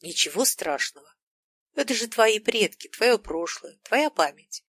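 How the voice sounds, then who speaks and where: A woman's voice: on the low side, steady tone, normal speed, no echo, studio quality, natural voice. A woman voicing a small, eager female creature who coaxes impatiently in an audiobook. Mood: coaxing. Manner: coaxing, impatient.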